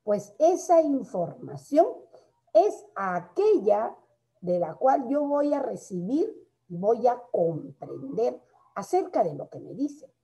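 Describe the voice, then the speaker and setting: Primary teacher, woman: slow, very expressive delivery, fond and patient with young pupils. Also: fairly high pitch. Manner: affectionate, calls pupils "my loves"; slow and explanatory, with frequent rhetorical questions. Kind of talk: recorded grammar lesson for children.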